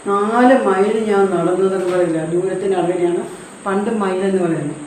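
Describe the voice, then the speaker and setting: A woman's voice: medium pitch, normal speed, a little mellow, a little hiss or hum. A woman teaching a language lesson, spelling out syllables one by one, repeating each word and patiently explaining what it means. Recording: echoey room heard from a distance.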